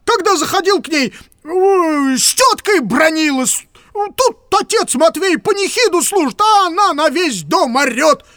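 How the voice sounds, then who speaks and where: A woman's voice: very high voice, lively intonation, measured pace, fairly bright tone, no room sound, studio quality, pitched above the performer's own voice, exaggerated voice. Woman reading as a fussy, muddled old clerk. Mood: scolding. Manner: rambling, stammering, fretful. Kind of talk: audiobook reading.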